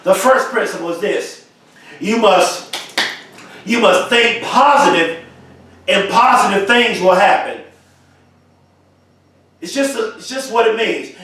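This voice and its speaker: A man giving an emphatic motivational speech, slow and repetitive, full of affirmations. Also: sits high, expressive, a bit bright, a little hiss or hum. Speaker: motivational speaker. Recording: very echoey, from far off the mic.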